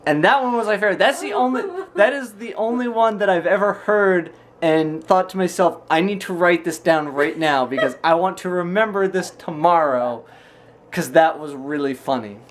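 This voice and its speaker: Casual vlog storyteller, mid-range voice, animated retelling with imitated reactions. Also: mid-range voice, moderate pace. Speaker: vlogger. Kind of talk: casual storytelling chat to camera.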